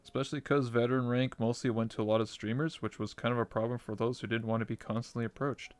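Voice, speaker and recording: A man's voice: medium pitch, steady tone, quick pace, darkish tone, dry recording. A man chatting casually in a rambling, slangy, sweary way. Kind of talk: casual interview chat.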